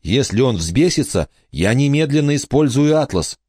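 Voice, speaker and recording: A man voicing a firm, cautious older sister who speaks in a measured way. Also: mid-range voice, big pitch swings, darkish tone, breathy edge, dry recording, studio quality, voice pushed up.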